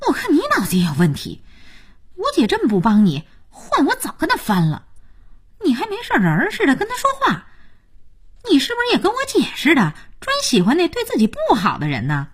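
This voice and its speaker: A woman's voice: mid-range voice, wildly swooping pitch, quick pace, few pauses, husky. A woman voicing a hot-headed, protective younger sister who speaks in an indignant, exclamatory way.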